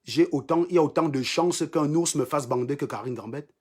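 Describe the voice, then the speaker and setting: Brisk and fairly high-pitched, his darkish voice slightly rough, a Cameroonian French-accented man runs a livestream. He tears into his commenters with mockery and insults, saying lines over again to drive them home.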